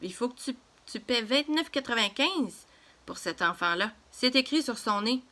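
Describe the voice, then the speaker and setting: A woman's voice: a little high, lively intonation, moderate pace, bright, forceful tone. A woman voicing a stubborn male cashier. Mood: insistent.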